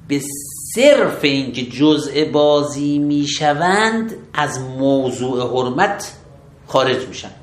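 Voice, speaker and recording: A man, a religious law scholar, explaining rulings step by step in an interview, measured and methodical. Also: medium pitch, roomy sound. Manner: measured, methodical, affirms with short approvals.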